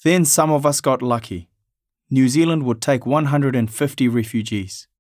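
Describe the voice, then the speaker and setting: A man from Afghanistan narrating his family's story in a measured, reflective way. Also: mid-range voice, a little mellow, no room sound, studio quality.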